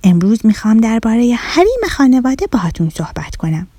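A woman voicing a stern, exasperated fish father in a children's story, speaking in grave, hushed tones. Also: on the high side, big pitch swings, no echo.

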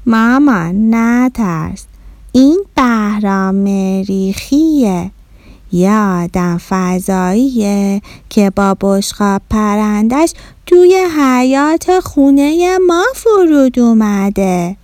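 A woman voicing a young girl who slowly and firmly corrects her guest. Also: high voice, expressive, a little mellow, no echo, clean studio sound, voice pushed up. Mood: earnest.

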